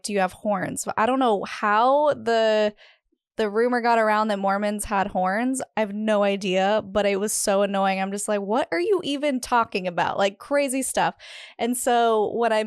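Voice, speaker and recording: A woman's voice: mid-range voice, a little slow, clear, resonant tone, no echo, studio quality. A woman from Utah hosting a podcast, chatting casually and laughing easily as she shares stories. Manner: warm, laughs easily, relatable anecdotes. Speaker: podcast host. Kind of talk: casual interview conversation.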